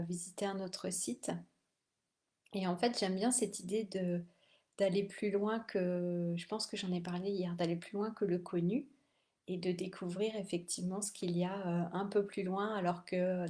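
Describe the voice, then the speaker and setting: A woman hosting a casual live stream, speaking in a halting, thoughtful way with frequent pauses. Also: lowish voice, dark tone.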